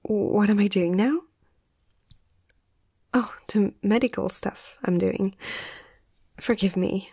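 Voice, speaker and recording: A young adult woman plays a caring, slightly awestruck vet in a soft-spoken ASMR roleplay, sounding gentle, focused and hesitant, often dropping into a breathy half-whisper. Her mid-range voice moves slowly with long pauses, recorded in clean studio sound with no room noise.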